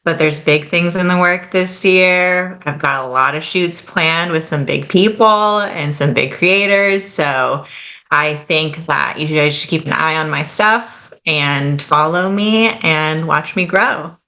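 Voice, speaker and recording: A woman in her late twenties guests on a podcast, chatting casually in a low-pitched, pushed, bright voice at a slow pace. Her interview talk is full of fillers like "like" and "kind of," and she laughs easily.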